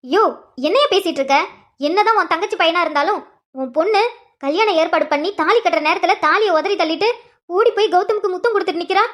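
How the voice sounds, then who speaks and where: A woman's voice: extremely high pitch, fast, a bit bright. A woman voicing a middle-aged mother in a cartoon who indignantly scolds her husband and daughter. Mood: scolding.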